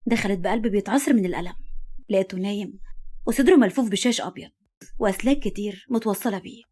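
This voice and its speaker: A woman with an Egyptian Arabic accent narrates a dramatic story in scripted style. Her pitch sits mid-range and she reads at a brisk pace. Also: mellow.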